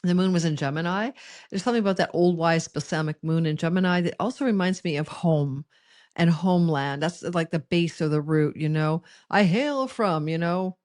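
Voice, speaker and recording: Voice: medium pitch, moderate pace, darkish tone, no echo. Rambling astrologer, dry close sound. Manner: rambling, conversational, frequent restarts and "you know" asides. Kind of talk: astrology forecast monologue.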